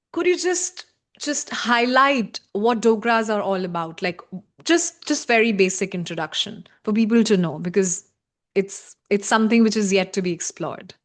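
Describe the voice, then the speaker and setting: A woman with an Indian accent hosts a conversational interview at a medium pitch. She is encouraging and builds her questions in hesitant, looping phrases. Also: moderate pace. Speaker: interviewer, host.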